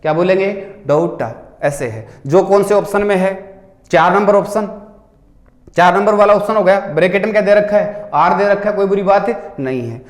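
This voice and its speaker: A man's voice: sits high, fairly quick. A man teaching an exam-solution lesson in Hindi with a Rajasthani accent, explaining step by step and answering his own questions. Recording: echoey room.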